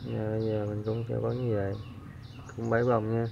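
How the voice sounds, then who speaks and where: A man's voice: on the low side, brisk, creaky, muffled recording, background noise. A man hosts a fishing channel and gives a casual hands-on tutorial, counting aloud as he works. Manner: relaxed, counting aloud while working.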